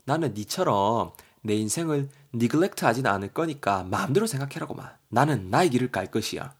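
A man's voice: medium pitch, lively intonation, fairly quick. A man doing an angry young man. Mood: irritated. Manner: blunt, hectoring, rough dialect.

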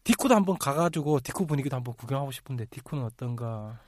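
A man's voice: mid-range voice, animated, fast, no echo, clean studio sound. A man hosting a casual podcast chat, laughing often and sometimes mimicking other people. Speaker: podcast host.

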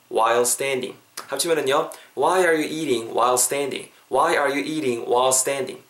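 A man, hosting a podcast English lesson and repeating phrases slowly for listeners to drill. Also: mid-range voice, reverberant. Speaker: English teacher, podcast host.

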